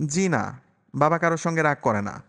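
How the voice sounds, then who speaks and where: A man's voice: a little high, animated, normal speed, vocal fry, fairly bright tone. A man voicing a timid little boy who gives short, shy answers. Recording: long reverberant echo.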